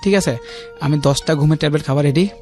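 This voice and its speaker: This radio interview guest, a Bangladeshi-accented man in his thirties, has a darkish voice on the high side and talks at a quick pace. Telling his personal story, he repeats himself and frequently checks in with tag questions. Faint music can be heard in the studio.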